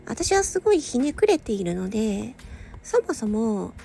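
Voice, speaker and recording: This woman's voice is on the high side and very animated, a little slow, with vocal fry and a slight hiss or hum in the sound. She hosts an audio channel, performs voices as a hobby, and here chats alone to listeners against soft background music or ambience. Tired and a bit slurred, she meanders hesitantly and giggles frequently.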